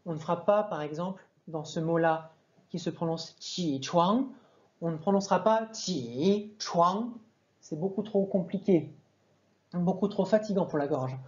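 A woman gives a patient language lesson with a warm, mellow voice, demonstrating each sound aloud before explaining it. She sometimes stops to correct a word mid-sentence. The recording is slightly dull and lo-fi. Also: on the low side, normal speed. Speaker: Chinese language teacher.

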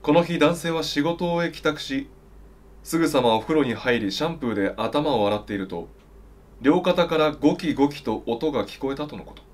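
A man's voice: fairly high pitch, animated, a little fast. A young man reading scripted mock news as a newscaster in a formal, straight-faced way. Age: young adult. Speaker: comedy newscaster.

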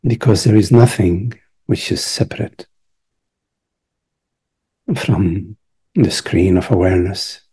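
Leading a guided meditation, this man has a low, very husky and breathy voice with a dark, relaxed quality. His short phrases are hushed and gentle, delivered very slowly with long silences in between.

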